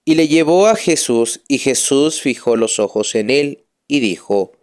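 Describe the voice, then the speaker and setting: A man's voice: mid-range voice, lively intonation, a little slow, a little mellow. Guy teaching catechism, friar, takes his time, leans hard on key words. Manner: emphatic, repeats phrases, leans on key words. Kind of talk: catechism video lecture.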